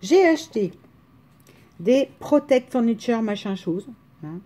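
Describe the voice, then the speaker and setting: Chatting casually in a craft haul video, a woman from France with a rural French accent rambles, hesitates and restarts. Her voice is fairly high, mellow and expressive, and she takes her time.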